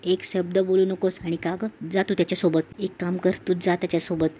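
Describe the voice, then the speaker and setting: A woman voicing a jealous, furious husband who accuses his wife, reading his lines flatly in a serial recap. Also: lowish voice, a little fast, slight background noise, lightly acted. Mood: accusing. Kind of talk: read-aloud drama recap.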